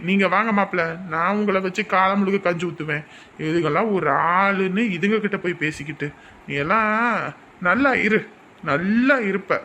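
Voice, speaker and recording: A man, loudly and indignantly scolding in a family drama and tagging his lines with a questioning "aa?". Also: high voice, slight background noise. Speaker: brother-in-law defending his sister's husband. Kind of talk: rural family drama acting.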